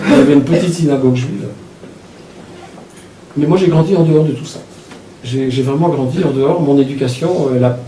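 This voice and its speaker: A man in his sixties from Belgium, an author recounting his childhood in a reflective, halting way. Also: fairly high pitch, warm tone, a little hiss or hum. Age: 60s. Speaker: author talking about his book. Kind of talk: personal storytelling talk. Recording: echoey room from a distance.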